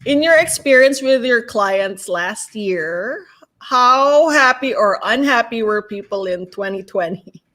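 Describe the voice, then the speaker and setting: A woman hosting an interview show, reading a scripted intro and then chatting with a guest in an upbeat way, often answering with a quick "right". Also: fairly high pitch, expressive, fairly bright tone. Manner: upbeat, frequent affirming "right". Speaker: talk show host.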